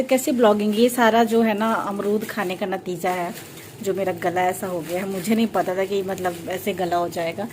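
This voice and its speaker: A woman from India with a hoarse, sore throat, chatting casually in a home vlog and explaining things step by step as she cooks. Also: medium pitch, a little mellow, a little hiss or hum. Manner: chatty, homely, explains step by step with many fillers. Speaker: vlogger and mother. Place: home, kitchen.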